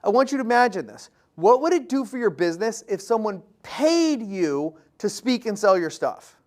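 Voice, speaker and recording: Male speaking coach on stage, lively storyteller with a high voice, quizzes the crowd, acts out dialogue. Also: moderate pace. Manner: energetic storyteller, asks the audience questions; punchy short phrases, acts out quoted dialogue. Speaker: public speaking and sales trainer. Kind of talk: motivational seminar talk to a live audience.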